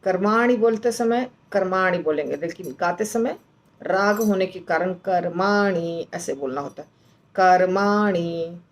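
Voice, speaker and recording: A woman teaching how to pronounce and recite a verse, explaining slowly and patiently and chanting the lines. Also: mid-range voice, lively intonation, slight background noise. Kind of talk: slow recitation lesson.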